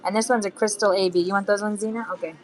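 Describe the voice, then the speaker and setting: Very fast and steady in tone, a medium-pitched woman hosts a live selling stream, showing beads and charms and chatting casually with buyers, with faint music playing behind. Her throat is a bit phlegmy, and this chatty auction seller hums and sings to herself between items.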